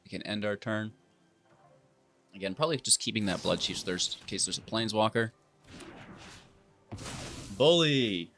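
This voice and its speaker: A man's voice: lowish voice, steady tone, brisk, long pauses, fairly bright tone, soft background music. A man giving casual, playful commentary over his own card game, teasing his opponent as he plays. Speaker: gaming video host.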